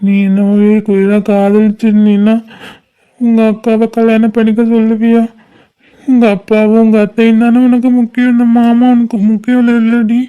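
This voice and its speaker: A woman's voice: fairly high pitch, monotone, normal speed, clean tone, narrow, tinny audio, natural voice. A woman voicing a heartbroken, bitter young man in a homemade cartoon, with a brooding, reproachful way of talking.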